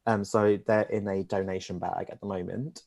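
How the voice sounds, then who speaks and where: A man co-hosting a podcast, chatting casually, giggly and animated, laughing often. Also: deep voice, normal speed, creaky. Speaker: podcast co-host. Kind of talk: casual chat.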